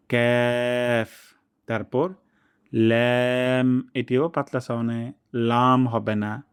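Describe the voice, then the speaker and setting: A man teaching the pronunciation of letters, explaining mouth positions and drawing each sound out slowly for students to copy. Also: medium pitch, darkish tone. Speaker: Quran recitation teacher. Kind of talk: pronunciation lesson.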